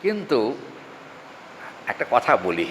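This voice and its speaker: A man giving a devotional scripture talk, chanting Sanskrit verses slowly and often asking his listeners questions. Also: medium pitch, wildly swooping pitch, sharp tone. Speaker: religious reader and preacher. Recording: hall reverb, faint ambient noise.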